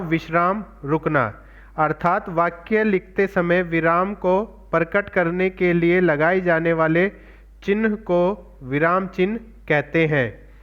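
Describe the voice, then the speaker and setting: Slow, high-voiced Hindi teacher. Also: male voice, a bit bright. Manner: slow, explanatory, repeats examples. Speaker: assistant professor and teacher. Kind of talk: classroom lesson. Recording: dull lo-fi recording.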